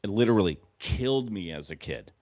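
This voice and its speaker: A man in his forties from New York hosting a live fan reaction stream, calling pitches and drifting into rambling, profane stories, swinging between muttering and shouting. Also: lively intonation, fairly quick. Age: 40s. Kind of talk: live game-reaction commentary.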